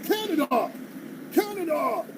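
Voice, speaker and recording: A man's voice: very high-pitched, very animated, unhurried, a bit bright. A man from Jamaica preaching on the street, emphatic and confrontational, firing rhetorical questions. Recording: distant mic, clear street traffic noise.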